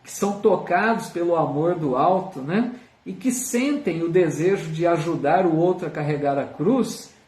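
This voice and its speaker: In a live online Spiritist study, a man with a Brazilian Portuguese accent teaches earnestly, reading viewer comments aloud and often ending with tag questions. His voice is a little high and a little mellow, at a normal speed. He is recorded from a distance in a roomy space.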